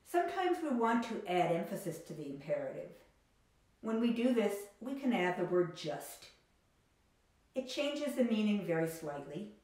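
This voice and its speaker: A woman teaching an English grammar lesson, speaking slowly and clearly and reading out example sentences. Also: medium pitch, big pitch swings, darkish tone. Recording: very echoey room.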